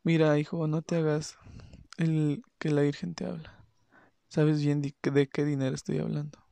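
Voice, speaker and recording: A man's voice: on the high side, little pitch movement, normal speed, vocal fry, warm tone, no room sound. A man voicing a stern, angry father who lectures his son firmly. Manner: scolding, firm and lecturing.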